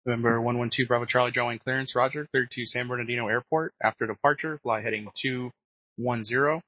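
A man's voice: mid-range voice, steady tone, fast talker, pushed and bright. A man giving procedural instructions as an air traffic controller over radio. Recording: muffled dry aviation radio.

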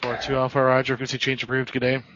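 A man's voice: medium pitch, completely flat delivery, fast, fairly bright tone. A man working as an air traffic controller, giving clipped, businesslike procedural instructions over radio. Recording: slightly muffled radio audio.

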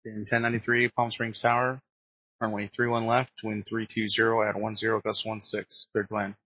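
Fast, sharp male air traffic controller. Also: lowish voice, monotone, dry recording. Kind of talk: procedural radio instructions. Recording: muffled dry aviation radio.

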